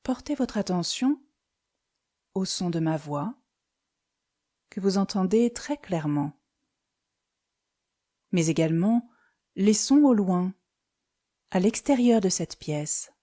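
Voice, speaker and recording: A yoga nidra instructor guides a meditation in a mid-range voice. She speaks calmly and soothingly, using short phrases separated by pauses.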